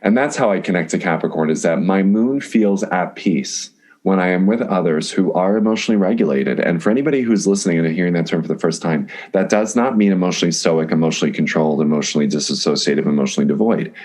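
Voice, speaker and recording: A man's voice: low-pitched, fast, darkish tone. A man, an astrologer guest, talking in a casual podcast conversation, effusive and flowing, often stringing words into lists.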